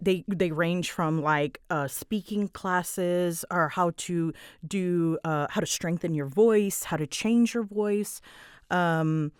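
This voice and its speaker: Her voice is lowish and clean, captured close to the mic with no room sound. She's an online creator chatting loosely through listener questions, self-deprecating and rambling, with bursts of animation when she quotes herself.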